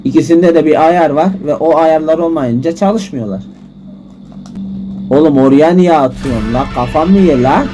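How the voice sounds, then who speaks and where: A man giving frustrated gameplay commentary, swearing and shouting at the game. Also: on the high side, normal speed. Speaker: gaming YouTuber. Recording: music loud behind voice.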